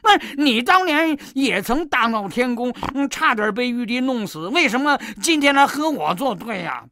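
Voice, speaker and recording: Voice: mid-range voice, expressive, unhurried, gravelly, fairly bright tone, slight background noise, voice pushed down. A storyteller voicing a boastful, cowardly male pig demon who blusters and stammers in a children's story. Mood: blustering. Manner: blustering, stammers when scared.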